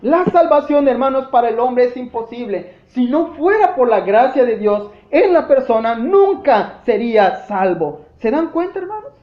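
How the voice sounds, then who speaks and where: A man's voice: very high-pitched, lively intonation, normal speed, few pauses. A man with a Mexican accent, a pastor giving an impassioned sermon and often addressing the congregation as brothers. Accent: Mexican Spanish. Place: church sanctuary. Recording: echoey church, dull lo-fi sound.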